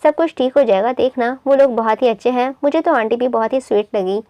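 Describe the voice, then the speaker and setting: A gentle elder sister who soothes and reassures, as a woman reads her part. The voice is fairly high and close. Sound is dry. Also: a little fast, no room sound, lightly acted.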